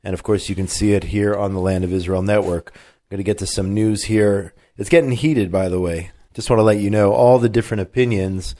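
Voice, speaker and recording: With a lowish, mellow voice and a slightly fast pace, a man hosts talk radio despite having a cold. He reads the news and chats in a casual, opinionated manner, peppered with fillers and restarts.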